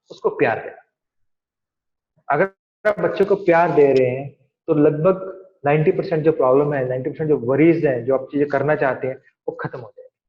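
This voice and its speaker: A man giving an earnest seminar talk on parenting, acting out the lines parents say to their children. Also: fairly high pitch. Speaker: parenting speaker. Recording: dull lo-fi sound.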